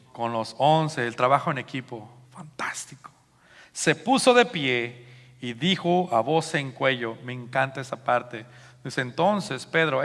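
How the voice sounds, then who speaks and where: Mexican pastor man giving a sermon, playful, booming quotes, big reverby church. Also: vocal fry. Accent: Mexican Spanish. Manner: lively, joking, acts out quotes loudly. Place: church hall.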